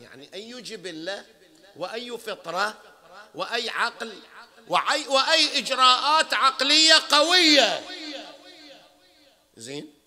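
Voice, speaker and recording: A sheikh with a Bahraini Arabic accent and a high-pitched, sharp voice gives a religious lecture at a mourning hall. He speaks conversationally, often checking in with listeners, and builds to emphatic peaks.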